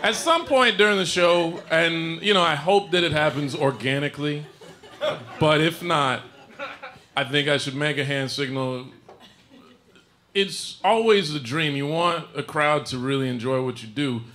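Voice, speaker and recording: A man's voice: fairly high pitch, a little slow. A man doing a stand-up set on a comedy club stage, bantering with the crowd in a dry, sarcastic way. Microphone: stage microphone. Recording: live album, loud crowd noise. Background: audience laughter.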